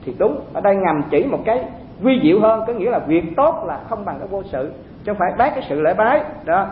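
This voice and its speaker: Man, Buddhist dharma talk to monks, high voice, echoey phone-like recording. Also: sing-song, fast talker. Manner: conversational, asks listeners rhetorical questions. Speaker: Buddhist teacher addressing monks. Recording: echoey, phone-like sound with faint rumble.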